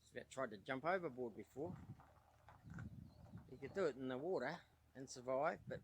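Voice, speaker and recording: A middle-aged man with a New Zealand accent talks through his boat repairs in a relaxed, rambling way, working things out as he speaks. His voice sits in a middle register and has a worn-out, tired edge. A faint hiss of noise runs under the recording. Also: medium pitch, moderate pace. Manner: chatty, easygoing, thinking aloud as he works. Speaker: boat owner and channel host. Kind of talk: casual DIY boat-repair vlog.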